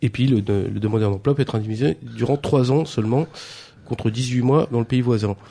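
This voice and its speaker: A man's voice: mid-range voice, a little fast, creaky, warm tone, husky. A man presenting a radio press review, hesitant, with many fillers and restarts. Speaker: news columnist.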